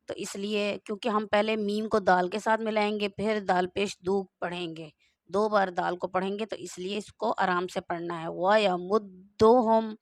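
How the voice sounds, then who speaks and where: A woman's voice: medium pitch, dry recording, clean studio sound. A woman teaching Quran reading, patiently spelling out each word letter by letter and repeating it. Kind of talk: slow step-by-step recitation lesson.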